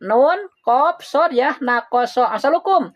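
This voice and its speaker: A woman teaching Quran recitation in an informal lesson, patient and repeating letter sounds slowly. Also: high-pitched, animated.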